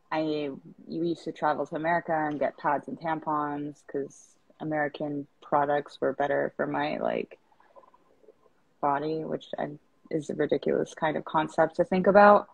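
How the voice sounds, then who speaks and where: Woman guest, 30s, from East Africa, deep voice, rambly and casual on a video call. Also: highs cut off. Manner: chatty, many fillers and restarts. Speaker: founder, interview guest.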